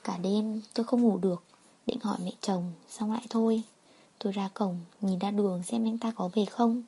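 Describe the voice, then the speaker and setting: Woman narrator, soft first-person story reading, husky tone. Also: medium pitch, steady tone, moderate pace.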